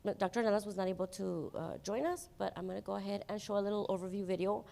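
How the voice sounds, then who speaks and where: Woman presenter, under the weather, gravelly, informal. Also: medium pitch, quick pace, mellow, long reverb tail. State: getting sick. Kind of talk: staff presentation.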